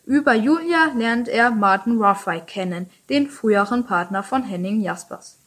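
A teenage girl reading a scripted plot summary in a steady manner. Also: a little high, moderate pace. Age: teens. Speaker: student presenter.

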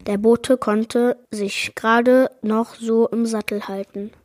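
A woman reading aloud a chapter of a children's fantasy adventure book in a measured narrating manner. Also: fairly high pitch, steady tone, a little mellow, dry recording, studio quality. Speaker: book reader. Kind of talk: storybook read-aloud.

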